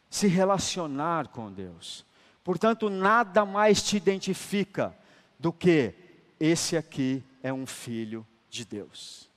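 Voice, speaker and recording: A man preaching a sermon, his fairly high voice ringing through a church hall with a long echo. He swings from loud, emphatic declarations to quiet, tender lines. He talks to the congregation in a colloquial way and calls them brother. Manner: colloquial, addresses listeners as brother. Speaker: apostle preaching.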